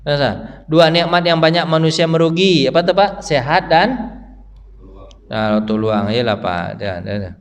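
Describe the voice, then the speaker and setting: A man teaching a dawn study circle in a mosque, quizzing the congregation and answering himself, his pitch swinging up high to stress a point. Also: expressive, moderate pace. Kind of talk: interactive mosque lecture. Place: mosque hall. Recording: reverberant hall sound.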